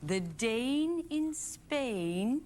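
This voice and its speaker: An actress playing a gracious, gently macabre wife in a sitcom, poised and coaxing in her delivery. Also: high voice, big pitch swings, moderate pace, a little hiss or hum. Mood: patient. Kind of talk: sitcom acting.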